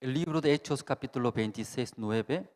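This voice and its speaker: A man preaching at a Bible seminar, halting and repetitive, constantly checking in with the congregation. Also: medium pitch, a little mellow, in a large hall. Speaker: pastor. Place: church hall.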